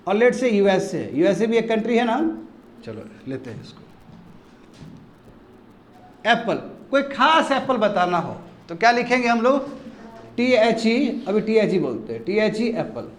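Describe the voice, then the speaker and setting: High-voiced man teaching a class. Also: reverberant, slight background noise. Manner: questioning, drills students repeatedly. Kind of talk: classroom grammar lesson. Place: classroom with students.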